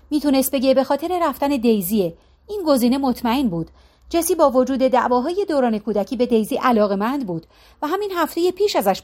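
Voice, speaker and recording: A woman narrating a novel in a calm, measured storytelling voice. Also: high-pitched. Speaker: audiobook narrator. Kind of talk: scripted narration.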